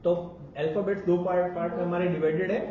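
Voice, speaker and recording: High-voiced man teaching a class. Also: flat delivery, fast, a crowd in the background. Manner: questioning, prompting students to repeat. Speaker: spoken English teacher. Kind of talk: live classroom lesson. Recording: echoey classroom from far off, muffled, class audible. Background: students in the room.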